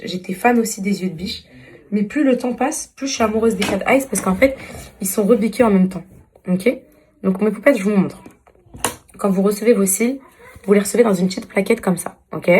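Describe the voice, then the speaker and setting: A breathy edge colors this woman's darkish, mid-range voice. As an influencer vlogging casually, she walks viewers through her beauty routine, exasperated and venting, saying the same things again and again.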